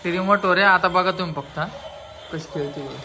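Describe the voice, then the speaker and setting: A man's voice: sits high, brisk, bright, forceful tone, soft background music. A man chatting playfully at home for his family vlog, coaxing the children as he films. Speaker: family vlogger. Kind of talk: casual home vlog chat. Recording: noisy home phone recording.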